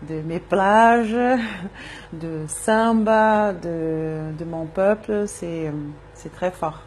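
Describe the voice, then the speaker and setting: There's a little hiss or hum as this native Portuguese-speaking woman from Brazil speaks on radio about her work as a Zumba and wellness coach. Her lowish, somewhat mellow voice goes very slowly, and she is reflective, repeating words as she hunts for the right ones.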